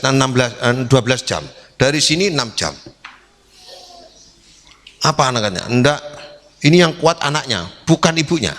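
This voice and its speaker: A man's voice: a little high, fairly bright tone. A male kyai, preaching a sermon to his congregation in an emphatic, repetitive way. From East Java. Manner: emphatic, repetitive, switching into Javanese asides. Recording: long reverb of a hall.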